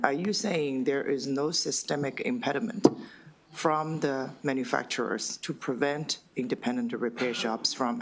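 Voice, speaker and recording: A man speaks in a hoarse voice with a duck-like quack to it. He is a committee member at a formal hearing, putting probing questions and rephrasing them pointedly. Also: medium pitch.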